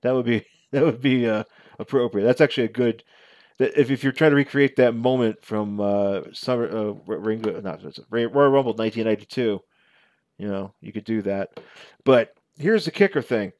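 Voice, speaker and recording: A man in his forties giving a casual, unscripted show-and-tell commentary as a reviewer, halting and correcting himself as he goes. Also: medium pitch, a little mellow, dry recording, clean studio sound. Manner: halting, conversational, self-correcting. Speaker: toy reviewer. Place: small living room at home. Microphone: headset.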